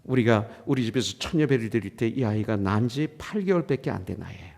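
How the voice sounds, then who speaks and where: A man's voice: fairly low pitch, expressive, fast talker, gravelly, a little mellow. A middle-aged male pastor preaching a sermon in a church, telling a story and acting out its dialogue, slipping English phrases into his talk. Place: church sanctuary. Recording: long reverb of a church hall.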